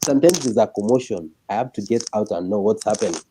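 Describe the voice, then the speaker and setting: A man's voice: fairly low pitch, expressive, fast, dark tone, slight background noise, rough recording. A man with a Kenyan accent chatting casually and telling stories, switching between Swahili and English. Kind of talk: casual chat, storytelling.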